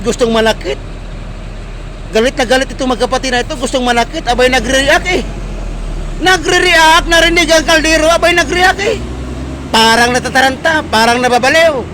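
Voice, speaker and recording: High-voiced Filipino man ranting. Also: moderate pace, long pauses, sharp tone, a little hiss or hum. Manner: repetitive, accusing rhetorical questions. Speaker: political commentary vlogger. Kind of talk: ranting political commentary.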